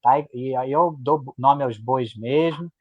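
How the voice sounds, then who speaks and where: Co-hosting a live online discussion, a man hammers his points by repeating them for weight. His medium-pitched voice is unhurried and emphatic, and the video-call audio has its highs cut off.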